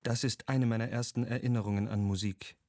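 A man reading a voice-over translation in a calm, even way. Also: lowish voice, fairly quick, dry recording, clean studio sound.

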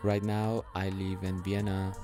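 An Iranian musician in his 30s, a native Farsi speaker, tells his life story in an interview, his English hesitant and full of fillers and restarts. His low voice stays completely flat and unhurried, with music playing in the background.

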